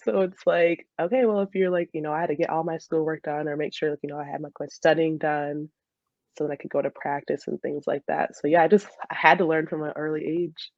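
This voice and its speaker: She's a young woman from Michigan, USA, once a college soccer player, talking fast in a deep, steady voice as she answers interview questions in a relaxed, chatty way and frequently laughs. The recording is muffled, without echo.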